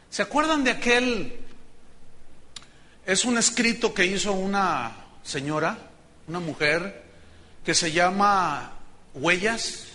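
A man's voice: sits high, bright, forceful tone. A man preaching a sermon, speaking earnestly to his congregation and acting out prayers with drama.

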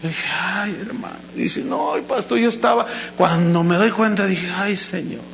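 High bright-voiced male preacher. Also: moderate pace, vocal fry, slight background noise, poor audio. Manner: animated storytelling, acts out quoted voices. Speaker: pastor. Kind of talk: sermon.

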